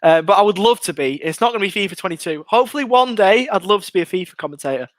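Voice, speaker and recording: Talking very fast in a high voice, a chatty young English host commentates on a match for a live fan watchalong and reads out viewer comments. He's excitable but growing hoarse, his voice going. No echo is present.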